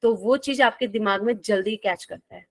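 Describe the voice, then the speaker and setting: A woman's voice: medium pitch, moderate pace, no room sound. A woman teacher, giving a friendly, playful lecture and asking her students questions as she goes. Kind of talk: classroom lecture.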